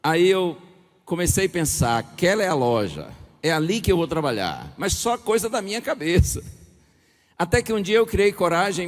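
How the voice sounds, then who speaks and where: A middle-aged man from Bahia, Brazil, telling a personal story in a sermon as pastor and acting out the dialogue. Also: a little high. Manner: lively anecdotal storytelling with chuckles and acted dialogue. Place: large hall or church with audience. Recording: preacher in a reverberant hall.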